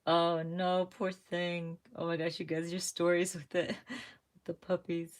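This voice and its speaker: Low-voiced woman chatting while crafting. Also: level tone, a little slow. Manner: rambling, self-correcting, chatting to viewers. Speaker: crafting livestream host. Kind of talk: casual chat while crafting live.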